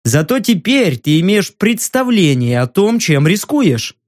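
A man voicing a smug, menacing former dockworker in an audiobook, taunting slowly and slyly. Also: sits high, very animated, no echo, studio quality. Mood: mocking. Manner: slow, taunting and sly. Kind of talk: audiobook narration.

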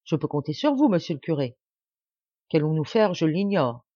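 A woman's voice: low voice, big pitch swings, drawn-out words, dark tone, no room sound, lo-fi sound, heavily acted. A woman reader voicing a desperate, resolute middle-aged noblewoman who gives impassioned orders. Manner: impassioned, commanding exclamations.

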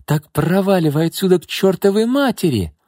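A man reading an audiobook, voicing a domineering middle-aged woman who speaks in a harsh, scornful, drawn-out way. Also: on the high side, expressive, no room sound, studio quality, voice pushed up, lightly acted. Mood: furious. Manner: scornful, sharp, drawn-out hissing lines. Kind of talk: audiobook character voice.

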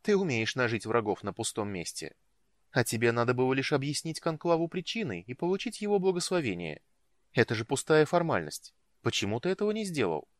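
A male audiobook narrator voicing an impatient, lively young woman who talks briskly and teases. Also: mid-range voice, no room sound, pitched above the performer's own voice, lightly acted. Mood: reproachful. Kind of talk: audiobook reading.

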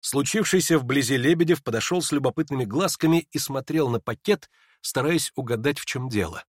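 A man giving a measured, expressive literary audiobook narration. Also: medium pitch, no echo, clean studio sound.

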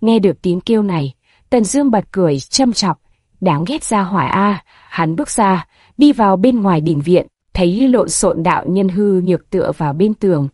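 A woman narrates an audiobook in a steady, even reading. Her voice is mellow and slightly husky, recorded dry and close. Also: fairly low pitch, moderate pace, no echo.

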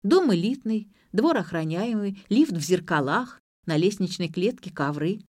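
A jittery young woman teeters on the edge of panic and bursts into frantic shrieks, as a woman reader puts her on. Her pitch swings widely, and the audiobook sound is dry and close. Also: lively intonation, unhurried, a little mellow, dry recording. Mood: evasive. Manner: frantic, high-strung outbursts.

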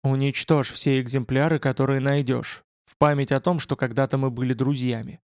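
A man's voice: medium pitch, little pitch movement, moderate pace, no room sound, clean studio sound, natural voice. A man voicing a furious, bitter young male writer who speaks in harsh, clipped outbursts, in an audiobook reading.

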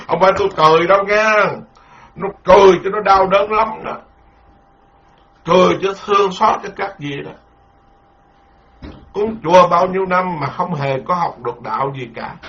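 Animated monk, muffled recording. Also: male voice, fairly high pitch, a little hiss or hum. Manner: animated, repetitive stammering, rueful laughter. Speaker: Buddhist monk. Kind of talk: dharma talk.

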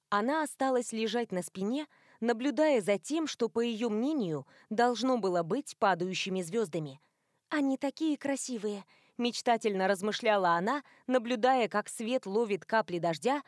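A woman narrating a novel in an expressive, lively reading. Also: mid-range voice, dry recording, clean studio sound. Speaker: audiobook narrator. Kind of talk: scripted narration.

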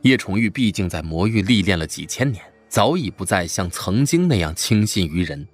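A man narrating a fantasy web novel in an expressive storytelling style. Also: low-pitched, moderate pace, faint music behind. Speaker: audiobook narrator.

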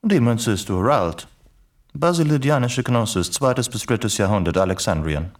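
A man with a medium-pitched, natural voice speaks at normal speed with lively intonation. In a German radio play he portrays an eccentric, erudite English reporter and secret agent, urbane, lecturing and sardonic, with an air of learned relish. The radio play recording sounds slightly distant.

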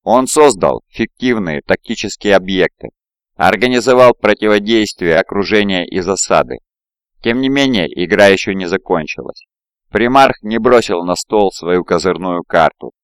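A man reading an audiobook in steady, even narration on a close home mic. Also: deep voice, normal speed, clean tone, dry recording. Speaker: audiobook reader.

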